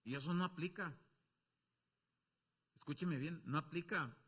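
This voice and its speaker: A man with a Mexican accent preaching a sermon as pastor, swinging from loud calls to low asides and acting out quoted voices. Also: a little slow, slightly rough. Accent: Mexican Spanish. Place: church.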